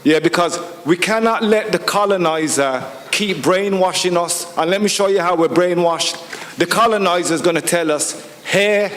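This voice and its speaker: A man born in the UK, speaking forcefully as an audience member at a public hearing and driving his points home with rhetorical questions. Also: high voice, normal speed, long reverb tail. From United Kingdom. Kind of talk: impassioned public comment.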